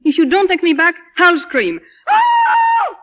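High-voiced, feisty young woman. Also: big pitch swings, normal speed, a bit bright. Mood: demanding. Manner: theatrical, blunt, teasing, complaining. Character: feisty, fussy, teasing young foreign woman. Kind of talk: old Hollywood film comedy acting.

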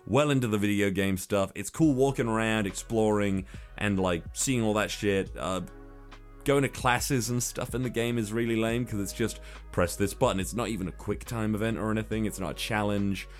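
Animated swearing man on a podcast. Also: fairly low pitch, normal speed, soft background music. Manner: animated, swears often, laughs. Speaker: podcast co-host. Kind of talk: casual podcast chat.

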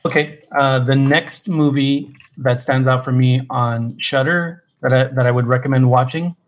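A man co-hosting a podcast in casual chat, relaxed and enthusiastic, with lots of fillers and restarts. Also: mid-range voice, moderate pace. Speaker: podcast co-host.

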